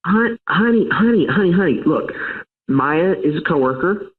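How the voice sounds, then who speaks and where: A man's voice: high voice, lively intonation, moderate pace. A man on a phone line, hesitant and stammering, making excuses to his wife. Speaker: prank call target. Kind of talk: phone conversation.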